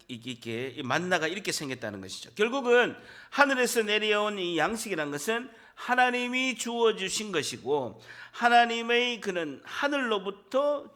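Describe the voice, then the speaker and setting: A man's voice: sits high, a bit bright. A Korean man preaching a Sunday sermon in church, repeating key words and quizzing his congregation. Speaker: pastor. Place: church sanctuary.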